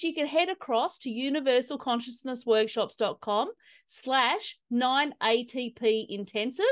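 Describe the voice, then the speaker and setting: A woman's voice: fairly high pitch, dry recording. Upbeat woman podcast host, dry mic. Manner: enthusiastic, upbeat. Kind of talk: podcast interview and promo.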